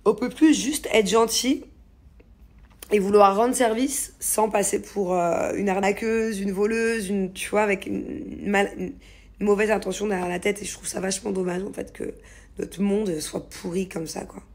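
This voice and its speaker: A woman's voice: mid-range voice, steady tone, normal speed, darkish tone. A woman telling a story in a casual vlog, chatty and rambling with many fillers. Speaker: vlogger.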